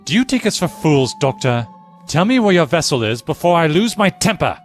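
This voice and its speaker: A man's voice: fairly high pitch, big pitch swings, brisk, faint music behind. A man playing a brusque, skeptical, short-tempered naval lieutenant in an audio drama. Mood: incredulous.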